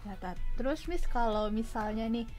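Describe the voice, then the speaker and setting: A woman's voice: a little high, normal speed, darkish tone, faint music behind. A woman hosting a casual podcast, asking curious questions and answering with short agreeing replies.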